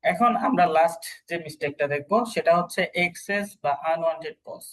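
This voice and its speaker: A man's voice: a little high, a little fast, a bit bright, slight background noise, low-quality recording. A man teaching an online exam-prep class, explaining step by step and checking that students follow. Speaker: PTE exam instructor.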